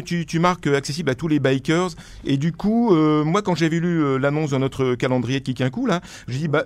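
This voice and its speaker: A man in his fifties asking questions in a radio studio, frank and quick when he presses a point. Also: mid-range voice. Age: 50s.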